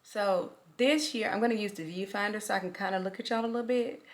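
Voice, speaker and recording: A woman's voice: medium pitch, fast talker. A middle-aged woman chatting casually in a get-ready-with-me vlog, rambling and repeating herself, talking with a swollen lip. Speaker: vlogger.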